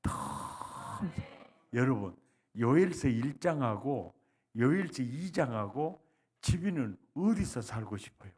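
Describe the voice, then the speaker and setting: A male pastor preaching a revival sermon, leading the congregation in call-and-response and swinging from soft lines to loud cries. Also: medium pitch, big pitch swings, a little slow, husky. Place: church sanctuary.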